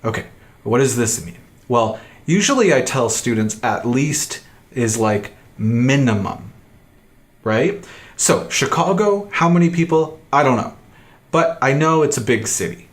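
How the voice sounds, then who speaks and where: A man in his thirties teaching an English grammar lesson, slow and deliberate, repeating key phrases for emphasis. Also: mid-range voice, expressive.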